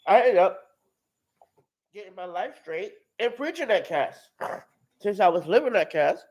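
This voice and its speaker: A man in his twenties giving a personal testimony, halting and often repeating and restarting his words. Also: high-pitched, very animated, darkish tone, breathy edge, poor audio. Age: 20s. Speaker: testimony speaker at a live-streamed outreach.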